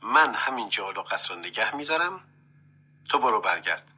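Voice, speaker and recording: A man voicing a sly male thief in a told folk tale, loud and pushy. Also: lowish voice, expressive, husky, exaggerated voice, low-quality recording. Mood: smooth persuasive. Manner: loud, urgent, scolding.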